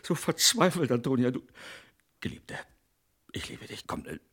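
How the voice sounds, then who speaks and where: Stage play: husky, desperate husband, stammering and explosive, very lively pitch. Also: male voice, brisk. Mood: pleading. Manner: explosive and pleading by turns, stammering with many repeated "du". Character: jealous, desperate middle-aged husband, volatile. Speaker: actor.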